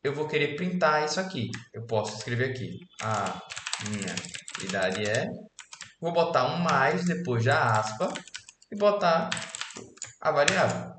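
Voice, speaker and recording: A programming instructor in his twenties from Alagoas, Brazil, walks through code in a screen-recorded lesson, relaxed and casual, checking in with "beleza?" again and again. His voice leans high and unhurried, set in an echoey room with background noise and faint keyboard typing.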